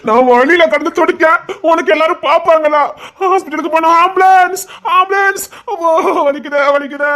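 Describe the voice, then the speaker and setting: Teasing young male lover, voiced by a woman, playful and melodramatic, high-pitched. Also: moderate pace, a bit bright. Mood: mock wailing. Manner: playful teasing, theatrical wailing when hurt. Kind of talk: amateur audio drama.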